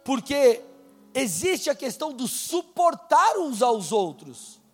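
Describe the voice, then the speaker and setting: A man preaching a sermon in a casual, conversational way, slowing down to read scripture aloud. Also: extremely high pitch, very animated, long reverb tail, soft background music. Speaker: pastor. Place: church hall.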